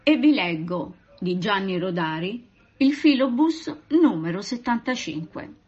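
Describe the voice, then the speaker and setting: Expressive woman teacher reading a story. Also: mid-range voice, a little slow, husky. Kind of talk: storybook read-aloud. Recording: muffled lo-fi recording.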